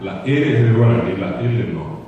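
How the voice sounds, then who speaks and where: A man's voice: lowish voice, lively intonation, normal speed, noisy background. Paraguayan man lecturing in an echoey hall. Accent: Paraguayan Spanish. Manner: earnest, repetitive, mimics children's mispronunciations. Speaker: congress speaker. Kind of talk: conference lecture. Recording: echoey hall from far off, dull.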